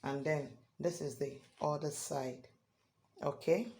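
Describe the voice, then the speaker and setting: A hoarse man teaching a sewing tutorial step by step, often checking in with "okay?". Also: fairly high pitch, fairly even intonation, slow, darkish tone. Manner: repeats points, ends lines with "okay?". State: hoarse from singing. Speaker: sewing instructor.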